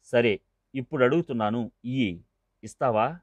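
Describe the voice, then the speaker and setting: A man reading the part of a calm older male sage who speaks in a measured, mildly scolding way, in a dull, dry recording. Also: mid-range voice, dry recording, natural voice.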